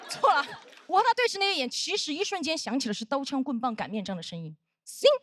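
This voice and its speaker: High, lively woman doing stand-up. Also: quick pace, very noisy. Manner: punchy storytelling with quoted dialogue. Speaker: stand-up comedian. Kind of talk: stand-up comedy routine. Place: stage with live audience.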